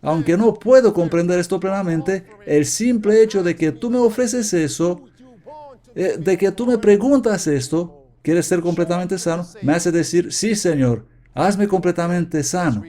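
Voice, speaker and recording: A man's voice: high-pitched, normal speed, mellow. A man preaching a sermon, earnestly confessing and repeatedly questioning his congregation.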